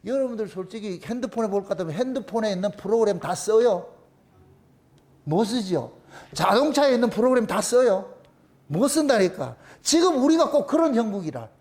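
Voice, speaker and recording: A man's voice: high-pitched, sing-song, a little fast, a little mellow. A man with a Gyeongsang accent preaching a sermon as pastor, emphatic and repetitive, asking the congregation questions and answering them himself. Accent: Gyeongsang Korean. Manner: repeats phrases for emphasis.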